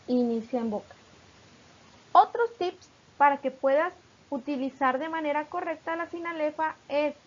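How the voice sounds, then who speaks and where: A woman's voice: high voice, highs cut off. A woman teaching poetry metrics, patiently explaining and stretching out syllables as she reads examples.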